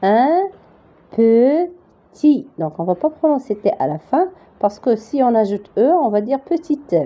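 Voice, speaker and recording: A woman's voice: on the high side, big pitch swings, normal speed, warm tone. A woman teaching French reading, spelling words out letter by letter and checking with "d'accord?". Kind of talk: slow spelled-out reading lesson. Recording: dull lo-fi home recording.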